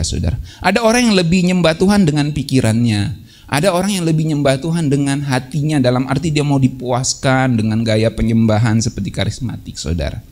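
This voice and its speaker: High-voiced joking male preacher. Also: a little mellow. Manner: jokey, teasing the congregation with playful mock quotes; addresses listeners as "saudara" often. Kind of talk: sermon.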